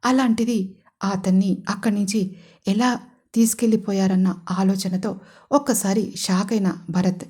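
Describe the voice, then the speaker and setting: A woman narrating a romantic drama audio story in a steady, expressive way. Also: medium pitch, unhurried, slightly rough. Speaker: narrator and writer.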